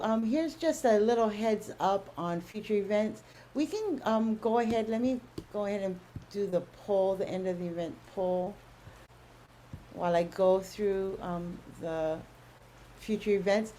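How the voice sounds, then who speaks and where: Mellow-voiced woman hosting a webinar. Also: medium pitch, measured pace, a little hiss or hum, rough recording. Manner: many fillers, friendly and informative. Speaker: webinar host for grantees. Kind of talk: online webinar presentation.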